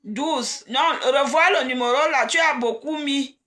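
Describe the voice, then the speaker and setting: A woman, chatting casually and excitedly on a live stream and teasing her viewers. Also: high voice, measured pace. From Cameroon.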